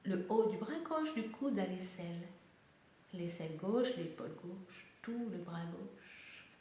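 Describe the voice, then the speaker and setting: Recorded in a strongly reverberant room with a faint rumble in the background, a woman guides yoga nidra. Her soothing instructions come slowly, in measured short phrases separated by pauses.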